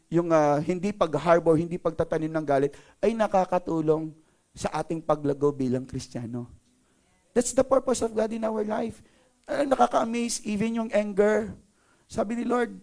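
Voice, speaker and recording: A man's voice: high voice, darkish tone. A male pastor preaching a sermon in a playful way, joking with the congregation. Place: church service.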